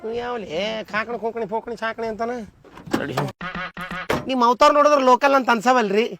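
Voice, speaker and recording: A man's voice: very high voice, expressive, fairly quick, loud music behind the voice. A man with a North Karnataka accent playing a teasing, mock-innocent driver in a comedy sketch. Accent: North Karnataka Kannada.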